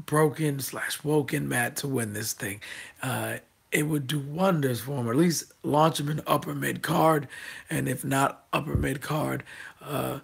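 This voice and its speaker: Hoarse and raspy after losing his voice, a wrestling vlogger runs through casual wrestling predictions in a fairly high, gravelly voice. He says "um" a lot, restarts sentences and keeps clearing his throat.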